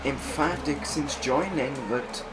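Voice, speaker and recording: A man's voice: a little high, slow, low-quality recording. Male wrestling commentator over background music. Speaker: game video host and commentator. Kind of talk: wrestling commentator play-by-play over video game.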